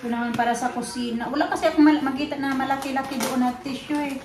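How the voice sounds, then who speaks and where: Talking fast and keeping a steady tone, this chatty Filipina mom vlogs casually from the kitchen and living room of her home in the UK, phone in hand. Her voice runs kinda high, English and Tagalog mix mid-sentence, and the recording has roomy echo and a noisy background.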